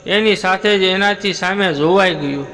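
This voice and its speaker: A man narrating a moral story in a steady, even storytelling read. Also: high-pitched, moderate pace, big-room sound.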